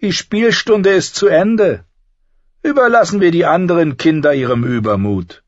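A man voicing a haughty, bored teenage prince with a mocking, drawn-out sneer. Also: a little high, very animated, husky, dry recording, muffled recording, pitched above the performer's own voice, heavily acted.

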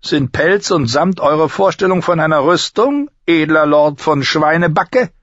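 A man voicing a cold, sneering middle-aged male master-at-arms with a sharp, booming voice and a mocking manner. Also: expressive, measured pace, no room sound, highs cut off. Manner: mocking, contemptuous.

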